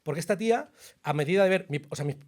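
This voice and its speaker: A man, co-hosting a podcast and telling a personal story in a chatty, animated way. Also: high-pitched, quick pace. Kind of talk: casual chat, then scripted narration over music.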